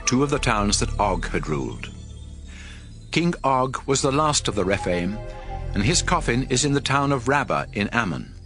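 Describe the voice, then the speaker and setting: This is dramatized audio Bible narration of scripture by a man at medium pitch, delivered with measured, expressive storytelling.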